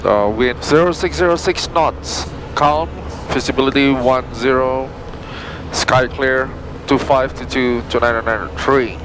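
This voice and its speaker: A man from Indonesia, an airline pilot, narrating and briefing from the cockpit in informal, halting non-native English. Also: medium pitch, background noise. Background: music.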